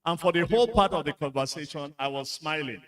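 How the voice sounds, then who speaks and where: A man's voice: a little high, lively intonation, brisk, a bit bright, far from the mic. A man with a Nigerian English accent giving a frank, conversational conference speech to senior civil servants, with frequent fillers. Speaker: speaker at a civil service retreat. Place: conference hall.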